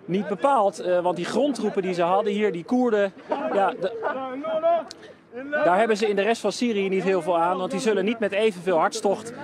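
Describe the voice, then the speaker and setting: A man's voice: high-pitched, fairly quick. A man in his thirties with a Netherlands Dutch accent, reporting live outdoors as a TV correspondent. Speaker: TV foreign correspondent. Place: outdoors in city at night. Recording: loud crowd and street noise.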